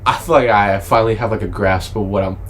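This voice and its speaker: A man's voice: lowish voice, steady tone, fast talker, a bit bright, a little hiss or hum. A man in his twenties, a podcast co-host in casual chat, rambling in slang and saying bro a lot. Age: 20s.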